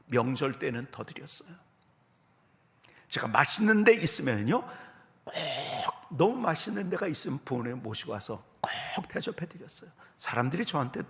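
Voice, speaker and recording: Male pastor in his 50s telling a testimony, gravelly, bright tense voice, jumps from whispery to shouting. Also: fairly high pitch. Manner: swings from loud exclaiming to soft whispers; addresses congregation directly with questions. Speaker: guest pastor. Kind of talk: revival sermon, personal testimony.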